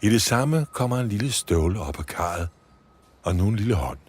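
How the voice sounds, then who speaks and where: Man, deep voice, husky, lively storybook narration. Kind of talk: scripted children's story narration.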